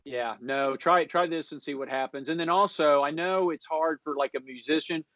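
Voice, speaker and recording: A man giving social media marketing advice in a relaxed chat, explaining patiently and often restarting his sentences. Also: fairly high pitch, moderate pace, no echo. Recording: dull lo-fi audio.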